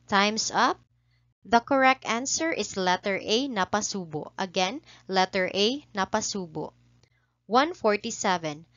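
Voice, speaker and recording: A woman's voice: medium pitch, expressive, slow, fairly bright tone, highs cut off, a little hiss or hum. A woman teacher with a Filipino accent reads review quiz questions and answers aloud, repeating each answer twice in a polite tone. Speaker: teacher running an exam review.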